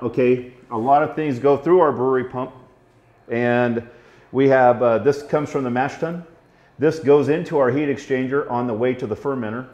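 Brewer, 40s, casual and self-deprecating, mid voice, muffled lo-fi sound. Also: male voice, medium pitch, darkish tone. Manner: easygoing, fumbling a little, self-deprecating. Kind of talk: casual equipment demonstration. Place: brewery floor among steel tanks, indoors. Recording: slightly dull, muffled sound.

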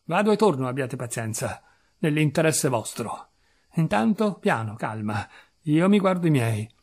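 A man's voice: on the high side, very animated, normal speed, a little mellow. A man doing a flustered, hot-tempered landowner. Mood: agitated. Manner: agitated, exclaiming, flustered. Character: irascible middle-aged male landowner, fussy and stingy.

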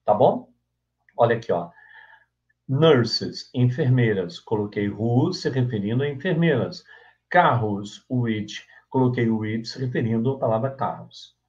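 A man's voice: mid-range voice, expressive, unhurried, darkish tone, highs cut off. A man teaching an exam-prep English grammar lesson. He explains step by step, asks himself questions and answers them, and often checks in with his students.

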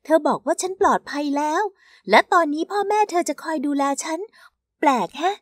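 A woman narrating a first-person story in a chatty, confiding scripted way for an animated story video. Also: high-pitched, normal speed, no room sound, studio quality.

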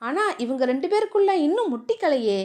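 A woman's voice: sits high, sing-song, a little fast, warm tone. A woman voicing a scheming young woman who talks in a mocking way, in a storybook reading. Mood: gloating.

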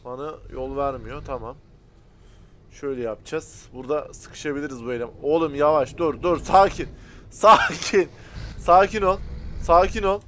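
Excitable, swearing man doing gameplay commentary. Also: on the high side, normal speed, a little hiss or hum. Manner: excitable and profane, shouting at other drivers; talks directly to viewers. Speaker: gaming video host.

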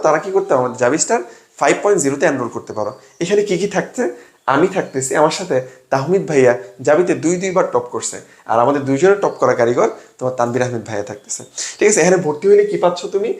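A man's voice: medium pitch, echoey room. A young man tutoring students for an admission exam, drilling grammar by asking a question and then answering it himself. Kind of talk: classroom lesson with sales pitch.

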